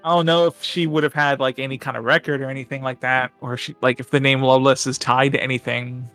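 A man's voice: mid-range voice, level tone, quick pace, fairly bright tone, faint music behind. A man playing a tabletop game, chatting casually in a rambling way with many fillers and restarts. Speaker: player.

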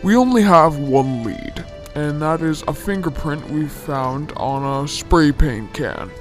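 Man as a slow, serious investigator. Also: fairly high pitch, lively intonation, faint music behind. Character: serious investigator briefing on a suspect. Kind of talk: amateur crime drama acting.

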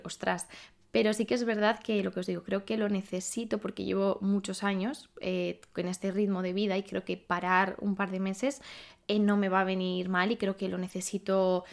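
Chatty young woman thinking out loud. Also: medium pitch. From Spain. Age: 20s. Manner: chatty, thinking aloud with many fillers and self-questions. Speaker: podcast host. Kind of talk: casual monologue.

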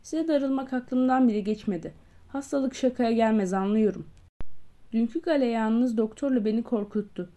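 A woman's voice: fairly high pitch, normal speed, warm tone, lightly acted. A woman voicing a jovial, backslapping older male postmaster in an audiobook, hearty and boisterous. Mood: coaxing. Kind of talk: audiobook character voice.

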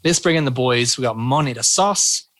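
A man's voice: medium pitch, expressive, normal speed, fairly bright tone, dry recording. A man with a New Zealand accent hosting a sports podcast in a casual, chatty style. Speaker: podcast host.

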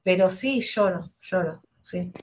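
A middle-aged woman with a Rioplatense Spanish accent, speaking as a mother and guest on a video call, candid and halting, often restarting her sentences. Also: on the low side. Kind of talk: casual interview chat.

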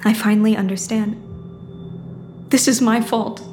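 An actress playing a stern mother who founded a secret poison trade, speaking gravely and reproachfully. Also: on the high side, fairly even intonation, measured pace, darkish tone, a little hiss or hum, natural voice. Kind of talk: audio drama acting.

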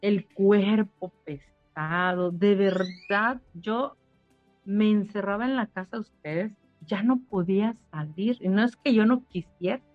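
A woman's voice: medium pitch, measured pace, no echo. Woman, middle-aged, heartfelt testimonial, dry dull lo-fi sound, faint music under. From Mexico. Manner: emotional storytelling, repeats phrases. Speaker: spa owner giving a testimonial. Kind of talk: casual testimonial interview.

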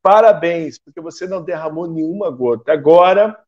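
A man voicing a calm, patient pastor giving a challenge. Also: on the high side, normal speed, lo-fi sound, natural voice.

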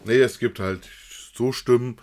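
A man co-hosting a casual podcast speaks in a mid-range, somewhat mellow voice with fairly even intonation and an unhurried pace. He rambles and talks directly to listeners in a relaxed chat about audio dramas.

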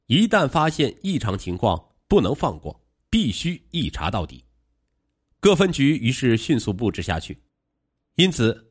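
Animated male crime-story narrator. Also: medium pitch, slightly rough. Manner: animated storytelling with rising emphasis.

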